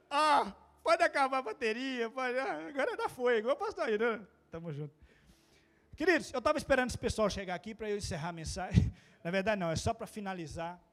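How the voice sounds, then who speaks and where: A man with a Brazilian Portuguese accent, preaching a casual, humorous sermon. He swings from quiet asides to loud, rising exclamations and tells stories with playful quoted voices and sound effects. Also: high-pitched. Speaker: pastor.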